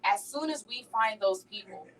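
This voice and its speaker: A woman's voice: mid-range voice, lively intonation, normal speed, recorded from a distance, slight background noise, low-quality recording. A woman speaking as a talk show guest, passionate and emphatic, often checking in with "right?". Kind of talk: casual radio talk show chat.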